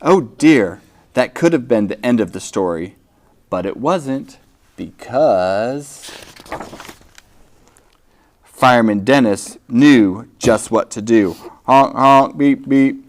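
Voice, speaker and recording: A man's voice: mid-range voice, lively intonation, slow pace, pauses often, darkish tone. A man hosting a children's reading show, reading a picture book aloud expressively and asking the children questions.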